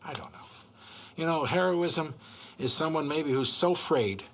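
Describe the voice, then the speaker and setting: A man's voice: fairly high pitch, lively intonation, moderate pace, slight background noise. A man giving interview testimony, recalling events in a plain, reflective way. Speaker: interviewee, survivor.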